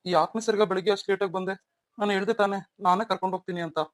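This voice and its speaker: A woman's voice: medium pitch, fairly even intonation, rapid-fire, no echo, natural voice. A woman voicing a young man in a cartoon, a devoted husband who talks in a tender, apologetic, coaxing way. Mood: scolding. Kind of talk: cartoon voice acting.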